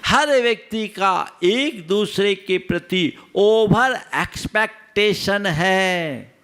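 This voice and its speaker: A man's voice: on the high side, gravelly, a bit bright. A man, a monk, giving a sermon that questions his listeners and teaches through everyday anecdotes. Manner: asks the audience rhetorical questions. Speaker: Jain monk preacher.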